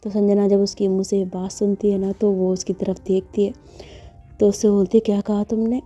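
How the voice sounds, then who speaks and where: A woman's voice: mid-range voice, flat delivery, moderate pace, mellow. A woman telling a story in a casual, chatty narration with many filler phrases. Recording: dull lo-fi with faint music.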